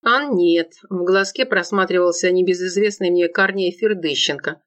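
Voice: mid-range voice, moderate pace, fairly bright tone, muffled recording. An audiobook narrator reading a first-person crime novel in a dry, wry storytelling manner.

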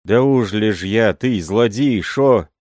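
An old working man swears loud, wailing oaths, as a male reader puts him on. His voice climbs above the reader's own and carries loudly. The sound is dry and close. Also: fairly low pitch, takes it slowly, no room sound, pitched above the performer's own voice. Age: older. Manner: wailing oaths, then gruff threats.

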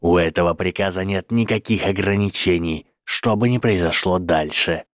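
A man voicing a cold, menacing dark lord who speaks slowly in a low, deliberate voice, cruelly amused. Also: no room sound, studio quality, natural voice.

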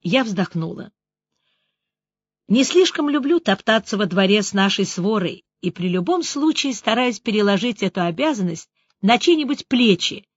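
A woman narrating a novel as an audiobook, voicing the dialogue with brisk, lively delivery. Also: mid-range voice, dry recording, dull audio. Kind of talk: audiobook reading with character voices.

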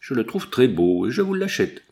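A man's voice: sing-song, normal speed, darkish tone. A man reading the part of an old army general, speaking in a choked, emphatic way. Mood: earnest. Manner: deep, choked-up emphatic speech. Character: old male army general, shaken and grave.

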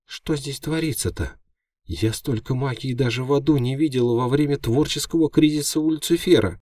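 A man voicing a squeaky, cheeky little female imp who squeaks and panics easily, in an audiobook. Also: normal speed, a little mellow, no echo, clean studio sound, far from the mic, close to an everyday voice. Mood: startled.

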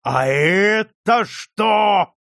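A man reading an audiobook, voicing a furious male gambler who roars and shouts accusations in a high, strained voice. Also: animated, extremely slow, vocal fry, dry recording, studio quality, heavily acted. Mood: furious roaring.

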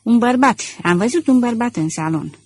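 A woman voicing an alarmed village seamstress reporting in a hurried, stammering way, with a husky voice. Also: fairly high pitch, expressive, darkish tone, dry recording, pitched above the performer's own voice.

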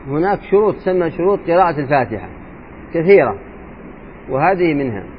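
A man teaching jurisprudence as a sheikh, explaining a text and slowly repeating and demonstrating letter sounds aloud. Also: fairly high pitch, big pitch swings. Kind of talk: religious lesson explaining a legal text. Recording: tinny phone-like lo-fi sound with faint noise.

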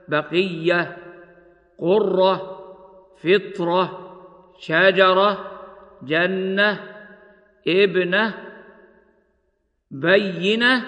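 A man giving a formal lesson on Quran spelling, speaking slowly and deliberately as he lists items one by one, on a muffled radio recording. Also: high-pitched, pushed and bright, long reverb tail. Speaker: Quran teacher.

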